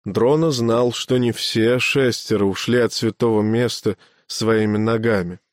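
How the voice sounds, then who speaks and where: Man narrating an audiobook, measured. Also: lowish voice, fairly even intonation, no room sound, studio quality. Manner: measured storytelling. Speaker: audiobook reader. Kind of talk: scripted narration.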